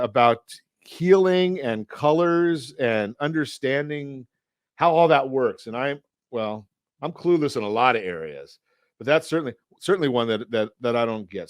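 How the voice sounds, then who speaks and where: A man's voice: medium pitch, expressive, darkish tone, dry recording. This is a middle-aged man hosting a talk radio show, and his voice sits in a middle range. He chats casually, jokes at his own expense and restarts his sentences often. He is recorded on a dry, close studio mic. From Southern California. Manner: self-deprecating, halting, full of repeated words.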